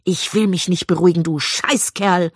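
A reader voicing a fiery young wife who shouts at her husband in outrage. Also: medium pitch, fairly even intonation, moderate pace, breathy edge, no room sound, studio quality, natural voice. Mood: furious. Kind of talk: audiobook reading.

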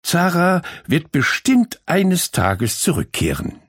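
Man voicing a gentle, hopeful animal heroine. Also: fairly high pitch, wildly swooping pitch, slow pace, no room sound, clean studio sound, voice pushed up, heavily acted. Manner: soft, comforting, hopeful.

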